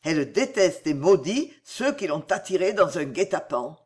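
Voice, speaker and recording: Expressive audiobook narrator. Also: mid-range voice, moderate pace, breathy edge. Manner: dramatic, expressive reading of a period novel.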